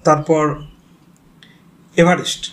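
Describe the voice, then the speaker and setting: A man's voice: a little high, level tone, takes it slowly. A man with a Bengali accent giving a geography lecture for exam students, explaining step by step, spelling names out and checking in with the class. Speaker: teacher.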